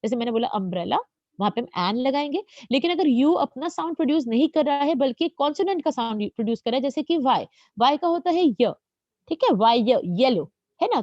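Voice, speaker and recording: A patient woman teaching a grammar lesson, her fairly high voice rising and falling a lot as she keeps checking whether the class follows. The sound is dry and a little dull. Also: darkish tone, dry recording. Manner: patient, checks understanding with repeated questions; addresses students as children. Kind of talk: grammar lesson explained in Hindi.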